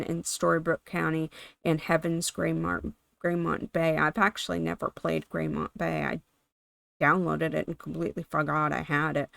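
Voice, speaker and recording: Host, female, hoarse and under the weather, gravelly low register, rambling game voice-over, dry close sound. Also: a bit bright, no room sound. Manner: meandering, self-correcting, chatty. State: losing her voice, sick. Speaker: gaming channel host. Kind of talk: casual gameplay voice-over commentary.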